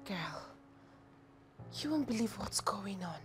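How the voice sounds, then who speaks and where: Woman acting a proud Nigerian young woman, slow-paced. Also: medium pitch, expressive, natural voice. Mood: anxious. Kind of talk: Nigerian film drama acting. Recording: music bed behind dialogue.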